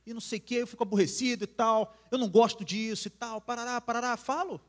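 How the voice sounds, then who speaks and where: A Brazilian man preaching a casual sermon in church, with a conversational tone that sinks soft and intimate. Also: extremely high pitch, quick pace. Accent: Brazilian Portuguese. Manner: conversational, acts out quarrels, drops to soft intimate tone.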